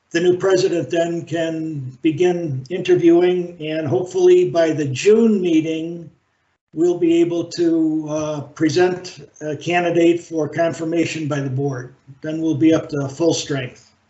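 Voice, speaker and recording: A man chairing a library board meeting over a video call, speaking in a halting, measured way with frequent fillers. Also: a little high, dark tone. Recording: roomy, dull video-call audio.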